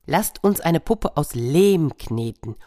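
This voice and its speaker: A woman's voice: low voice, lively intonation, slow pace, mellow. A woman voicing a clever storybook fox. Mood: confident. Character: clever male fox with a plan.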